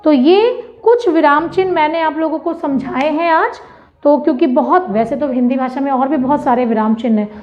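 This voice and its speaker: A woman teaching a grammar lesson to children, explaining slowly and patiently, repeating key words and asking the class questions. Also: sits high, highs cut off, soft background music.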